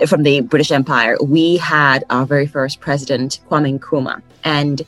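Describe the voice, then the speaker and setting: A woman from Ghana, a guest coach on a podcast interview, telling stories in an animated way and laughing often. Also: low voice, normal speed, soft background music, poor audio. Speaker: guest, course creation coach.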